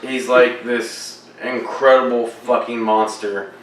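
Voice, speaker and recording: This young man's mid-range voice is flat, slow and a bit bright as he co-hosts a casual podcast chat on horror films, rambling with plenty of swearing and filler words. The recording has a little hiss or hum, echoes off the room, picks him up from far away and includes faint music.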